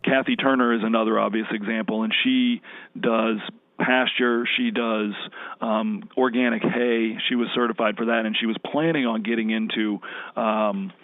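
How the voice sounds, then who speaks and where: Male interviewee, low voice with vocal fry, halting explanations, dry phone-quality sound. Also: fairly even intonation, dry recording. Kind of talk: unscripted interview talk. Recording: tinny, dry phone-like line.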